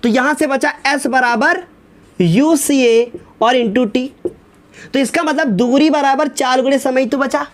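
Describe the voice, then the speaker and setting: A man's voice: very high voice, slow. A male physics teacher works through numericals step by step. He keeps checking that his students follow and calls them by fond, fatherly names. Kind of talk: whiteboard lesson solving numericals.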